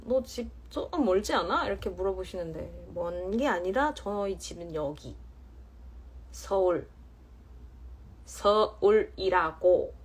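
A woman's voice: mid-range voice, lively intonation, measured pace, breathy edge. A woman in her thirties from Jeonju, chatting casually on a phone livestream, reading viewer comments in a playful, teasing way and drawing out words for emphasis. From Jeonju, Korea. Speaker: livestream host. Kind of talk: casual live-stream chat reading comments.

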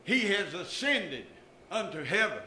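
A man's voice: high voice, big pitch swings, measured pace, pushed and bright, a little hiss or hum. An older man preaching a sermon from a church pulpit, with emphatic rises and drops in his voice. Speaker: pastor. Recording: echoey church room.

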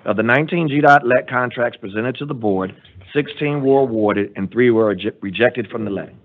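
Reading steadily from his slides, a man delivers a brisk, formal report at a board meeting in an ordinary mid-range pitch. He is a transportation department director, and the audio sounds thin and tinny, as if over a phone line.

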